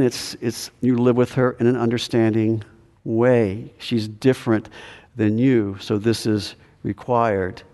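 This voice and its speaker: A man's voice: medium pitch, dark tone. A man preaching a sermon in a conversational way, with humor and rhetorical questions. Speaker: pastor. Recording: long hall reverb.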